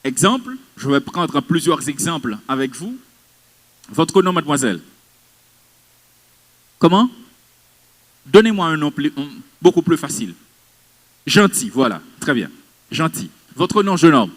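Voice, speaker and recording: A man lectures a class on speaking in public. His voice sits high and moves around a lot, stressing each point and turning to the audience with questions. A long reverb from a large hall follows every phrase. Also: very animated, unhurried, pauses often.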